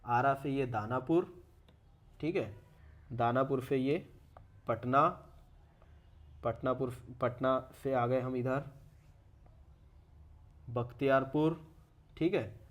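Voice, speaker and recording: A man's voice: medium pitch, slow pace, long pauses. Casual man walking through a map. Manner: keeps saying "okay" and corrects his own pronunciation; addresses viewers as "brother". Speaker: educational video creator.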